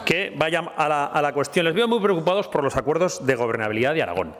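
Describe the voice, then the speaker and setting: A man's voice: on the high side, lively intonation, quick pace, heavy background noise. A man giving a combative parliamentary speech, repeatedly addressing his opponent by name. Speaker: parliamentary spokesman. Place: parliament chamber. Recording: reverberant chamber with murmuring crowd.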